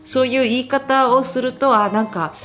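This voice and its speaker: A woman's voice: high voice, normal speed, fairly bright tone, muffled recording, soft background music. A middle-aged woman hosting her own radio talk show, reading listener mail and answering in a chatty way with many fillers. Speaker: radio host and novelist.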